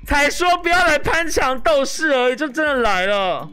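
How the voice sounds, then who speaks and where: A woman streamer giving live gameplay commentary with explosive, swearing, shouted outbursts. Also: high-pitched, big pitch swings, moderate pace. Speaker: game streamer. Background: game music.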